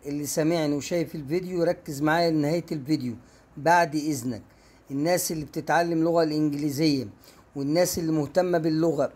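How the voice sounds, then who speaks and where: Egyptian teacher, man, slightly high voice, patient word drills, video lesson. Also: a little mellow. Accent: Egyptian Arabic. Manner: drills words slowly and repeats them. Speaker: English teacher. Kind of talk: YouTube language lesson.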